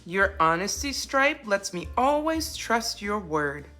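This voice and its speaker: Woman as a reassuring mother zebra, expressive. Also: medium pitch, slow pace, soft background music, full character voice.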